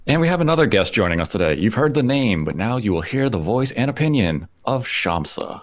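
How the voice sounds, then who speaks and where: A man's voice: medium pitch, sing-song, fairly quick. A man with a Southern US accent hosting a podcast, talking in a polished radio-style delivery. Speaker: podcast host. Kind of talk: casual podcast chat.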